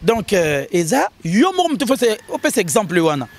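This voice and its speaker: A man giving an animated, casual interview, his voice jumping higher when he gets excited. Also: unhurried, slight background noise. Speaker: interview guest. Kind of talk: casual interview talk in Lingala and French.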